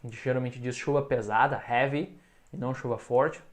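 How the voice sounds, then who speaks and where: Man teaching English, slow repeated phrases. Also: medium pitch, steady tone. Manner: explains in Portuguese, models English phrases slowly for repetition. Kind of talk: recorded online English lesson.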